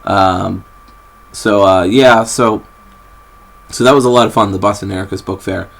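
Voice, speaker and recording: Sitting on a bed, a young man vlogs into his camera's built-in mic, rambling casually from one topic to the next. His low, gravelly voice holds a steady tone at a moderate pace, packed with ums, restarts and apologies.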